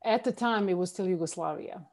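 Woman, 40s, from Serbia, podcast guest; low, mellow voice, relaxed and laughing. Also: a little fast. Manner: laughing, joking. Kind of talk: casual interview chat.

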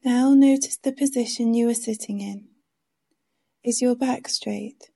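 A woman guides a meditation in a soft, hushed and soothing voice. Her tone is very mellow and rounded, sitting a little high. She gives each gentle instruction slowly, leaving room between phrases. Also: fairly even intonation, gravelly. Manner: slow, gentle instructions with pauses.

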